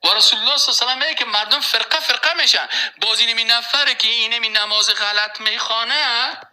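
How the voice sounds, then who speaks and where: A man giving a religious lecture as a preacher, slowly reciting verses and then rising into emphatic, insistent points. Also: very high-pitched, bright, forceful tone, rough recording.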